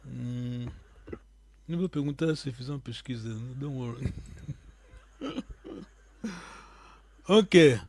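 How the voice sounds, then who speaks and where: A man's voice: mid-range voice, takes it slowly, vocal fry, long pauses, darkish tone. A man whose first language is Kikongo, teaching an online language lesson and patiently explaining words one by one with frequent check-in questions.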